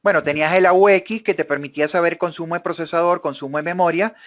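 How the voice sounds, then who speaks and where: A man's voice: a little high, steady tone, quick pace, fairly bright tone, no echo. A middle-aged man teaching an online workshop, explaining with family examples and checking in with questions. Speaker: instructor. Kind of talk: live online workshop lesson. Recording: dry, dull lo-fi webinar audio.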